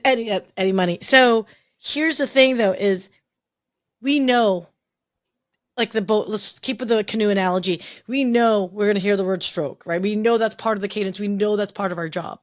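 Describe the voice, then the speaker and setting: A woman's voice: medium pitch, moderate pace. A middle-aged woman co-hosting a podcast, telling stories in a chatty way with frequent restarts. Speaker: podcast co-host. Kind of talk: casual chat.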